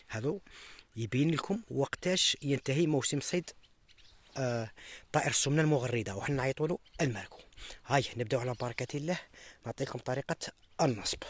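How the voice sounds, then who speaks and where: A man with an Algerian Arabic accent demonstrates a hunting method outdoors, step by step. He talks straight to his viewers and often drops into a hushed whisper. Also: mid-range voice, husky. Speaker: hunting tutorial host.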